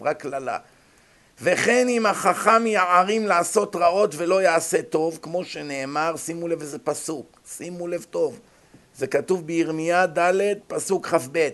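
A man's voice: fairly high pitch, fairly bright tone. A man, a rabbi giving a Torah lecture, who acts out small scenes in other voices as he goes. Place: abroad, in America.

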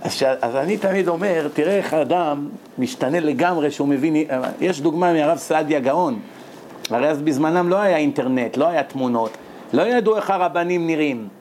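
A man with a fairly high voice preaches a lively, story-filled sermon. He jumps into high, excited voices for the people in his tales and laughs often along the way. A faint noise sits behind him. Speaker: rabbi giving a Torah lecture.

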